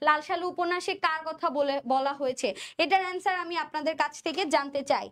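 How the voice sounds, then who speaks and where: A woman's voice: very high-pitched, fairly bright tone. A young woman teaching an exam-prep lesson, repeating each question and answer as she quizzes her students. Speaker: admission test teacher.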